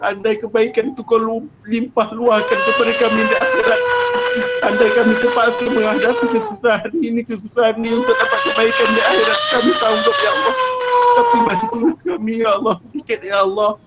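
A Malaysian male preacher with a high voice leads a fervent prayer. He pleads, sobs, and cries out by turns. The live-stream audio is dull and lo-fi, and loud noise sits under his voice. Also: wildly swooping pitch, a little fast. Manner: fervent, sobbing pleas that swing to shouts. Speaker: religious preacher. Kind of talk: tearful impassioned prayer and advice on a live stream.

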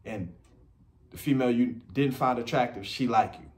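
A man's voice: mid-range voice, normal speed. A man, giving blunt dating advice in a casual monologue full of slang and repetition. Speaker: dating commentator.

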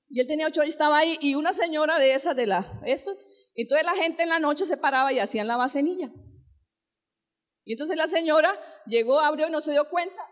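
Woman pastor, high voice, sermon storytelling, fervent. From Colombia. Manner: storytelling, rising to fervent exclamations; asks the congregation direct questions.

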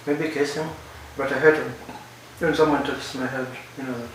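A young man answers questions in a relaxed, joking way. He speaks at a middle pitch, and his voice rings through a very echoey room. A constant hiss sits underneath. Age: young adult. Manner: laid-back, quick joking answers. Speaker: vlogger answering couple questions. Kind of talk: casual couple chat. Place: small living room, indoors.

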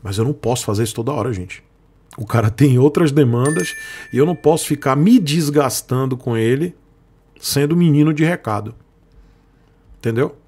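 A man's voice: mid-range voice, moderate pace, a little mellow, husky. A Brazilian man, a sponsored motorcycle creator, talking casually and at length to his viewers, repeating himself and circling back. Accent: Brazilian Portuguese. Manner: rambling, repeats himself, speaks to viewers as "gente".

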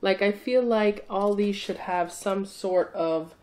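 A woman's voice: medium pitch, takes it slowly, a little mellow. Chatty woman hosting a food review. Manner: upbeat, chatty, talks over her co-host. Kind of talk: casual chat.

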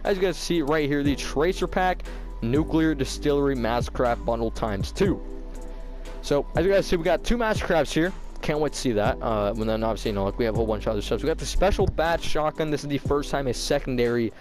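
A man's voice: mid-range voice, expressive, fast talker, a little mellow. Young man with slight braces lisp over music. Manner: informal slangy bro-style talk. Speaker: gaming YouTuber. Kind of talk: casual video game commentary.

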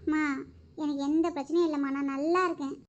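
A woman plays a caring young daughter in a cartoon who gently reassures her mother. Her voice is very high and soft. The recording sounds muffled and lo-fi. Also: fairly even intonation, quick pace, lightly acted. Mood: reassuring.

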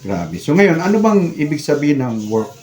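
A man's voice: on the high side, very animated, normal speed, darkish tone. Echoey older man, missing front teeth. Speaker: vlogger, retired security guard. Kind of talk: casual vlog chat. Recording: echoey room sound.

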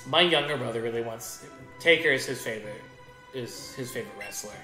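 A man's voice: mid-range voice, fairly quick. A man chatting casually while he plays a video game, telling rambling stories with many restarts. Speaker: gaming streamer. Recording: echoey room with faint game music.

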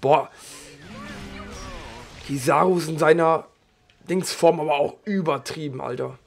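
A man with a slightly raised pitch and a gravelly, creaky voice that is a little hoarse. He talks casually and slangily through a let's play, commenting loosely as he plays. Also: measured pace, a little hiss or hum. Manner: casual, slangy, chatty while playing. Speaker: gaming channel host.

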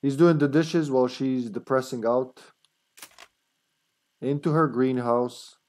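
A man's voice: medium pitch, fairly even intonation, takes it slowly, a little mellow. A man in his thirties giving casual, rambling, joking and sweary commentary as he plays a video game. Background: faint game music.

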